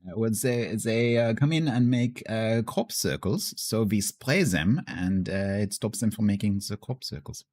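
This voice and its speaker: A man voicing a naive, bumbling farmhand at a job interview, hesitant and halting in broken English. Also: fairly low pitch, lively intonation, darkish tone, no room sound. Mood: earnest, boastful. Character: naive bumbling German farmhand job applicant named Klaus.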